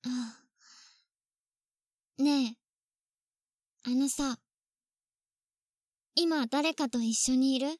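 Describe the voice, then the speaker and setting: A woman's voice: high-pitched, drawn-out words, long pauses, no room sound, clean studio sound. A woman playing a clingy yandere little sister. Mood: menacing. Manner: sweet then coldly jealous. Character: clingy possessive younger sister turning yandere. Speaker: voice actress in phone-call role-play. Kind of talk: phone-call role-play drama.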